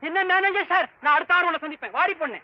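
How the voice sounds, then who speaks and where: Bossy protective dad of an actress, high voice, talks fast, dry lo-fi old film track. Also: male voice, lively intonation, no echo. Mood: demanding. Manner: brisk, demanding. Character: pushy, protective older father of an aspiring actress. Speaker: heroine's father.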